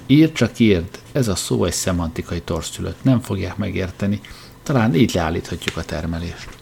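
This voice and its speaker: A man's voice: low-pitched, animated, creaky, darkish tone, a little hiss or hum, exaggerated voice. A man voicing a determined, resourceful adult man who leads the group, speaking in a curt, commanding way. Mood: urgent.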